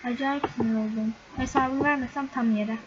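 Her pitch is fairly high, her intonation fairly even, and her pace moderate as this young woman chats casually to viewers over a game screen recording. The gaming YouTuber often sounds exasperated, and the dull lo-fi audio carries loud background noise.

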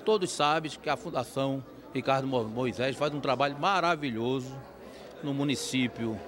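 A man's voice: medium pitch, moderate pace, a crowd in the background. A man in his sixties with a Brazilian accent giving a formal, legalistic interview statement as an official spokesman in an auditorium. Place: indoor auditorium. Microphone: handheld press microphones.

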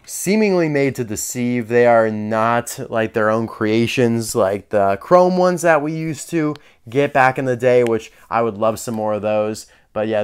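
A man's voice: medium pitch, smooth. A man chatting casually as he unboxes and reviews collectible toy cars, candid and dryly sarcastic.

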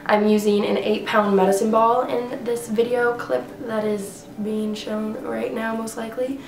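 This twenty-something woman's voice is a little high, creaky and a little slow, with a level tone, and she sounds congested. A fitness vlogger at home, she chats casually to camera in her living room about workouts, wandering off track with lots of fillers. The recording has an echoey room sound.

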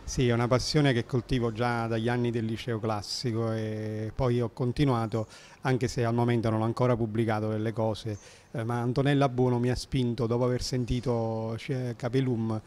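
Male poet, middle-aged, Neapolitan accent, average pitch, speaking as an interviewee. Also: flat delivery, normal speed, a little mellow. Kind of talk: interview talk and poetry recital in Neapolitan dialect. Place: indoor exhibition hall of a seminary. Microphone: handheld interview microphone held to him.

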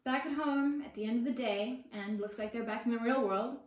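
This high-voiced South African woman writes children's books and is reading one to kids at a fairly quick clip, peppering the story with expressive questions to them. She's captured from a distance, away from the mic, in an echoey room lined with bookshelves and plants.

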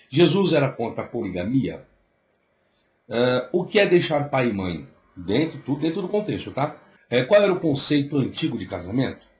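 A middle-aged man from Brazil with a Brazilian Portuguese accent, a theology teacher who announces his upcoming online lecture. He fires off one rhetorical question after another, seated indoors and recorded on a webcam at desk distance. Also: medium pitch. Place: small indoor room in front of a green screen, seated in an office chair.

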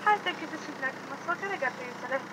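A woman working a drive-thru, taking an order in a brisk, rapid way, heard through the drive-thru speaker. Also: high-pitched, animated. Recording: distant drive-thru speaker with background noise.

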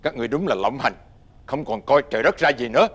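An older actor playing a righteous, wealthy old gentleman who speaks with stern, dignified authority. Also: mid-range voice, lively intonation, fast, slight background noise, close to an everyday voice. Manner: dignified, stern, lecturing, uses archaic "ta/ngươi".

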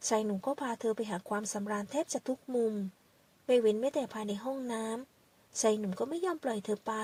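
A woman narrating a romance audio novel in a steady, soft reading manner. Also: fairly high pitch, husky, recorded from a distance.

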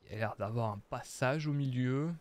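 A streamer talks casually over his survival game, thinking aloud with lots of hesitations. His voice is medium-pitched and brisk.

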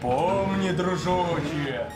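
A man voicing Death as a menacing underworld god, talking slowly in an echoing voice in a comic story. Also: on the high side. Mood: menacing, condescending. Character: Death, a slow booming male voice from the underworld. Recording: echoing voice under loud music.

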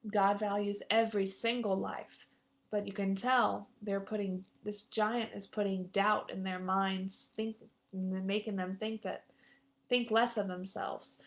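A woman reads a children's story aloud in a live session, with a voice at an ordinary middle pitch. She often steps out of the story to chat with her young listeners and explain what is happening. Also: flat delivery, a little slow. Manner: chatty asides to young listeners.

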